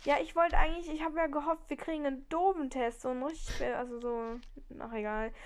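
A woman chatting casually and playfully as she answers a quick word quiz. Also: sits high, fairly even intonation, a little hiss or hum. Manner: playful, quick to laugh and ask "what?". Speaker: quiz participant. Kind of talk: casual chat. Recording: call audio, hard to hear.

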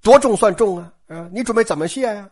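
A woman voicing a cocky young man who extorts and mocks in a gruff way. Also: medium pitch, fast talker, a little mellow, lightly acted. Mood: mocking.

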